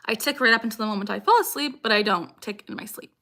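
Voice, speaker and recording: A young woman hosts a casual livestream Q&A, reading out chat questions and chatting in an upbeat way at a fast pace. Her bright voice is pitched a little high, she laughs often, and sudden vocal tics cut into her sentences.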